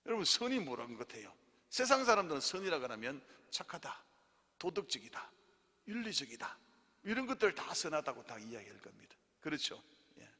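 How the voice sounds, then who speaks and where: A man's voice: fairly high pitch, sharp tone. A middle-aged male pastor teaches a lay theology class and has listeners repeat after him. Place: church hall. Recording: reverberant church hall.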